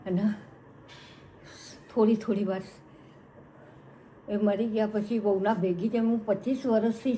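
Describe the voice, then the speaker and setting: A woman's voice: a little high, warm tone, a little hiss or hum. An older woman, crying and pleading, who tells her troubles while seeking a place in an old-age home. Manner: pleading, distressed.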